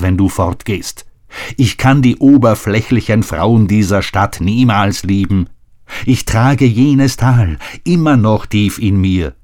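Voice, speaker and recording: In a storybook reading, a man plays a proud young man who loves power. He pleads in a broken, urgent way, the voice pitched a little higher than the reader's own. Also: a little mellow.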